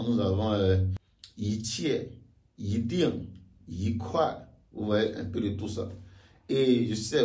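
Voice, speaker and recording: A man teaching a casual online language lesson, chatty, repeating each example slowly and checking in with "ok?". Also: fairly low pitch, mellow. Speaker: Mandarin teacher. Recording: roomy echo, voice a bit far from mic.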